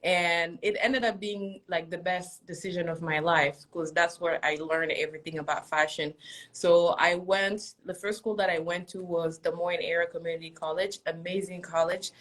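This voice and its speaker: Brief: young woman from Congo, native French speaker, fairly low voice, chatty guest with easy laughs, on a video call. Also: steady tone, moderate pace, a bit bright. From Democratic Republic of Congo. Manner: chatty, laughs often, many fillers like "like". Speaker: fashion designer guest. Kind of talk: casual interview over a live stream.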